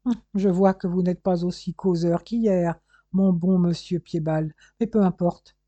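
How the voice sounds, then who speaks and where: A reader voicing a gruff, mocking police inspector. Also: mid-range voice, fairly even intonation, measured pace, warm tone, no room sound, lightly acted. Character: sardonic, stubborn male police inspector. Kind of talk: audiobook character reading. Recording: dull, dry lo-fi recording.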